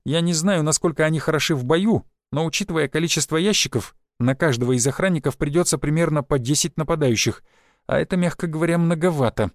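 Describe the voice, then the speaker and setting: A man reading a first-person audiobook in a lively way, putting on voices for the characters. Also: a little high, fast, dry recording, studio quality. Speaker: audiobook narrator.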